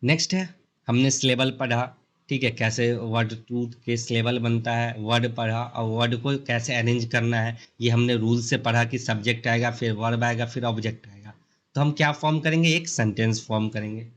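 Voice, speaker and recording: A young man with an Indian accent teaching basic English grammar in a relaxed mix of Hindi and English. He explains with simple everyday comparisons and keeps checking in with the learner. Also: medium pitch, moderate pace. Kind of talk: casual Hindi-English lesson.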